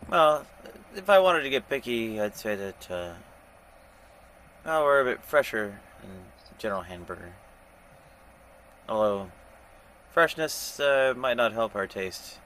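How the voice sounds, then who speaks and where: A man with a middling pitch chats casually on a voice call. His delivery is droll and wry, with slow starts. Light background noise sits behind him. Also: animated, a bit bright. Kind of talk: casual chat.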